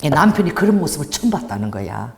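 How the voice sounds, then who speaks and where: A woman preacher giving a sermon, telling stories in an animated way with bursts of laughter and exclamations. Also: low voice, fast talker, gravelly. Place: church hall. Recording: long hall reverb.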